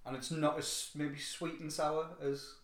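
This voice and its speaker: A man's voice: a little high, little pitch movement, unhurried. A man, chatting casually. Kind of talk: casual chat. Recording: echoey room.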